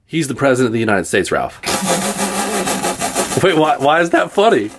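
A young man hosting a comedy sketch vlog outdoors at night, quick and animated, cutting in with questions. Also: mid-range voice, background noise. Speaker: host.

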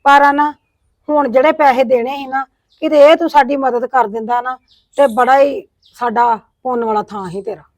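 Complaining woman, high voice. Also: steady tone, moderate pace, dry recording. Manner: complaining, scolding tone. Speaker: widowed sister-in-law in a village family drama. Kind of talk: amateur Punjabi family drama acting.

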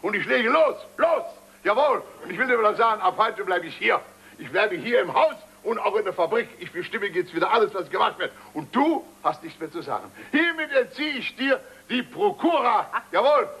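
A man's voice: sits high, lively intonation, moderate pace, bright, forceful tone, husky, full character voice. An actor playing a boastful, stubborn factory-owner father in a stage comedy, blustering and repeating himself.

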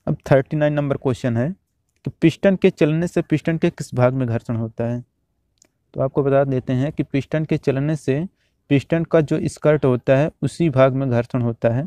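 A man teaching, reading out quiz questions and their options one by one, then repeating each answer in a steady drill. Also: mid-range voice, moderate pace, no echo. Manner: steady, repetitive exam-drill delivery.

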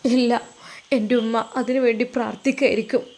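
A woman's voice: a little high, fairly even intonation, fairly quick, a little mellow, close to an everyday voice. A woman voicing Muhsina, a devout young wife. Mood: quiet. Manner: heartfelt, pleading. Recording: reverberant room with faint noise.

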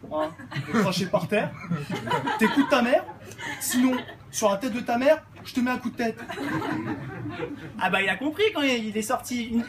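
A woman's voice: on the high side, close to an everyday voice. A woman doing a brash, unhinged mother. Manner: brash, rambling, barks orders, filler-heavy "hein". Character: unhinged loud middle-aged mother of many kids. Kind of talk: live stand-up character sketch. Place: comedy club stage. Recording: noisy live club recording.

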